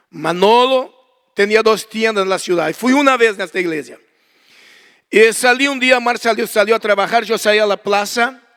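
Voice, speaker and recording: High-voiced Brazilian man preaching in a hall. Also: smooth. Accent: Brazilian Portuguese. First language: Portuguese. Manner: dramatic storyteller, acting out dialogue, swings from quiet prayer to loud emphasis. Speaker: guest preacher. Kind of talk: storytelling sermon. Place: church hall. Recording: long reverb of a church hall.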